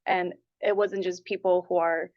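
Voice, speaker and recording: A woman in her twenties from Taipei and Hong Kong answers interview questions earnestly and conversationally as an applicant. Her voice sits on the low side, with a level tone and normal speed. The recording is dull and lo-fi.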